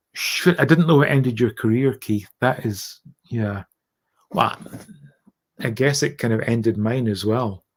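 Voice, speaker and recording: A middle-aged man with a Scottish accent hosting a casual livestream, speaking in a candid, self-deprecating and sweary way. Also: lowish voice. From Scotland. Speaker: livestream host. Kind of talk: casual livestream chat, reading out and answering comments.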